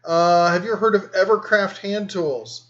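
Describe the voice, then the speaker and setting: A man's voice: high-pitched, moderate pace, highs cut off. A man hosting a casual live stream, reading and answering viewer comments in a rambling, easygoing way. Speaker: host.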